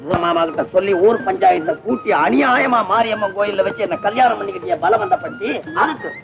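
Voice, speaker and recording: A man's voice: sits high, brisk, gravelly. An actor playing a scornful young groom who mocks his new wife, exasperated and full of cries of dismay, in 1970s film comedy dialogue. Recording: dull old film soundtrack with music.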